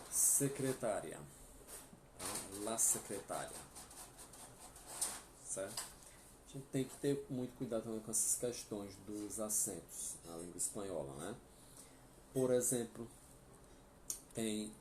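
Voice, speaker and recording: A man's voice: lowish voice, mellow. A man from Brazil with a Brazilian Portuguese accent, teaching a live online Spanish class and patiently explaining each word with frequent checks like "tá?" and "né?". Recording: echoey room with faint ambient noise.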